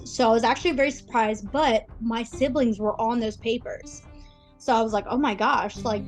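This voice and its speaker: A Russian woman in her thirties shares her personal story as a podcast guest, chatty and full of ums and quoted asides. Her voice is fairly high pitched, and the recording is rough.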